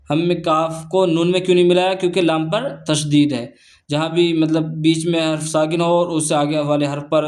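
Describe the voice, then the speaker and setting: A man teaching Quran reading, spelling out letters and vowel marks slowly, then explaining the rules quickly. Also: on the high side, a little mellow. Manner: slow chanted recitation of syllables, brisk explanations between.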